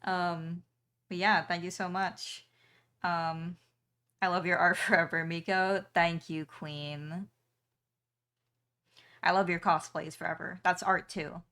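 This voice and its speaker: A woman's voice: lowish voice, flat delivery, slow pace, pauses often, pushed and bright. A young woman streamer chatting casually with her viewers while she draws, with frequent ums and small laughs. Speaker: streamer and artist.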